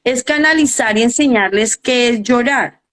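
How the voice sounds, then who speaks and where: A woman's voice: fairly high pitch, normal speed, a bit bright. A middle-aged woman, a coach and educator, earnestly explaining her ideas in a live interview and often asking rhetorical questions.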